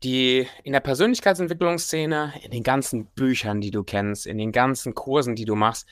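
A man's voice: mid-range voice, normal speed, a bit bright, no room sound. A man hosting a livestream as a coach, talking informally and directly to the listener in casual motivational talk and guided exercises. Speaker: livestream host, self-development coach.

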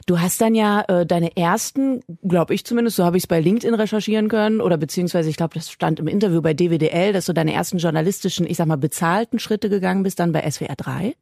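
A woman's voice: on the low side, quick pace, creaky, hardly any pauses, darkish tone, dry recording, clean studio sound. A woman hosting a podcast interview, asking casual, probing questions. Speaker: podcast host.

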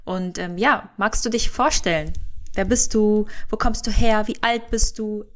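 A woman's voice: mid-range voice, a little slow. German woman hosting a podcast. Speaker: podcast host. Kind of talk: casual podcast interview.

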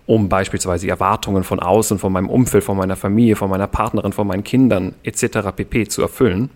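A man in a podcast conversation, calmly explaining ideas step by step as a guest coach. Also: fairly low pitch. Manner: calm, explanatory, measured.

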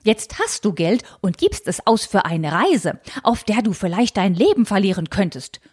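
A woman's voice: mid-range voice, big pitch swings, moderate pace, darkish tone, breathy edge. A woman reading aloud and voicing a fussy, anxious, old-fashioned elderly aunt who frets about convention. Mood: fretful. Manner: fretful, scandalized, clinging to convention.

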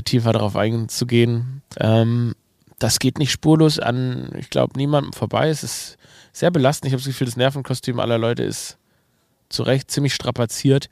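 A man's voice: medium pitch, creaky, a little mellow, no room sound, clean studio sound. A man hosting a podcast in a casual monologue with a nasal voice and a slight cold, rambling and self-mocking with many fillers. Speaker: podcast host and comedian.

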